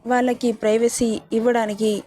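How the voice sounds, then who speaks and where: Mellow-voiced woman telling a story. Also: on the high side, level tone, moderate pace. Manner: reads every character herself without changing voice. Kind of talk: scripted story narration with character dialogue.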